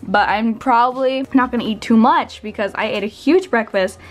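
A woman's voice: a little high, moderate pace. A young woman in college talking casually to her phone camera, bubbly and chatty with a self-mocking streak. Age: young adult. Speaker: college student vlogger. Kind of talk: casual vlog chat to camera.

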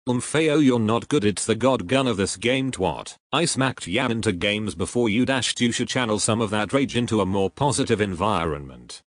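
Male gaming narrator, lowish voice, close dry mic, reading chat messages aloud. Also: animated, moderate pace, hardly any pauses, dry recording. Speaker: video creator.

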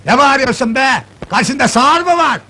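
An actor playing a pompous older minister who scolds and whispers secrets in a 1970s film comedy. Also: male voice, very high voice, lively intonation, moderate pace, pushed and bright, full character voice.

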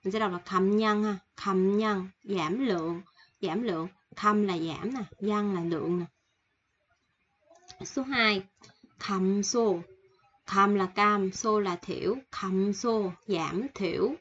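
A woman's voice: medium pitch, slightly rough, dull audio. Woman teaching vocabulary with a cold. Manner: slow repetitive explaining, reading word lists. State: has a cold. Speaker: Korean language teacher. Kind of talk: casual online lesson.

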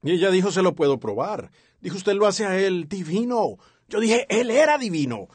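Husky-voiced man dubbing a sermon. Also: sits high, very animated, moderate pace, no echo. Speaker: interpreter. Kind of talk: dubbed sermon translation.

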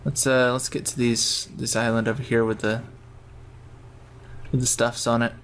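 A gamer narrates his own play in casual, rambling commentary, thinking out loud as he goes. He speaks at a medium pitch and moderate pace with a flat, slightly bright delivery, and there's a little background noise.

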